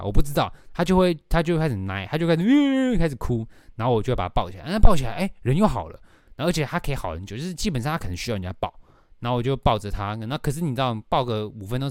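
A man's voice: mid-range voice, no echo, clean studio sound. A young man with a Taiwanese Mandarin accent, hosting a casual podcast and telling a rambling story with casual swearing. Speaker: podcast host.

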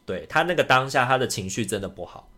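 A man co-hosts a casual podcast and tells his story at a rapid clip. His voice sits at an ordinary middle pitch. He speaks with animated indignation and acts out the lines of the people in the story. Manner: animated, indignant retelling with acted-out quotes. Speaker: podcast co-host.

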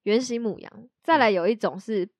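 A woman's voice: medium pitch, brisk, no echo, clean studio sound. A young woman, co-hosting a podcast in frank, chatty casual talk. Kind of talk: casual chat.

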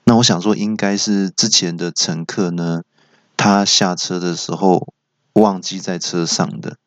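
A young man with a Taiwanese Mandarin accent, hosting a solo comedy show and telling self-mocking stories in an animated way. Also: unhurried, no room sound, muffled recording. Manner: animated, self-mocking, jumps into high voices. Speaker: talk show host. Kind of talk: solo stand-up storytelling.

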